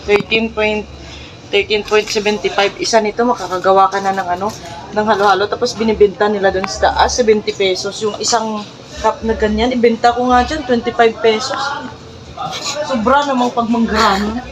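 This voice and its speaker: A woman's voice: mid-range voice, fairly even intonation, moderate pace, crowd noise, rough recording. A woman chatting casually and teasing while she vlogs, laughing often. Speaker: vlogger. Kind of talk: casual chat while shopping.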